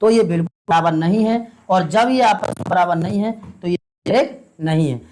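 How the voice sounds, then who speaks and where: A woman's voice: lowish voice, moderate pace, a little mellow, slight background noise. A woman teaching a maths lesson step by step. She speaks patiently, keeps quizzing her students and calls them "beta". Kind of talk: step-by-step classroom explanation.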